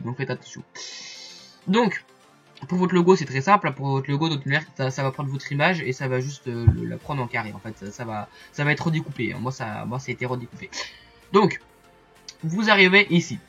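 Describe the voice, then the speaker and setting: A man's voice: a little high, bright, forceful tone. A man walking viewers through a photo-editing site in a casual screen-recorded tutorial, chatty and hesitant, full of fillers and asides. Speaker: YouTuber explaining software.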